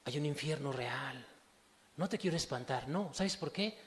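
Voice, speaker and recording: A male pastor preaching to his congregation, emphatic, full of rhetorical questions, swinging from hushed to loud. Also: on the high side, lively intonation, normal speed. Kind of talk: sermon. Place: church hall. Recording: reverberant church hall.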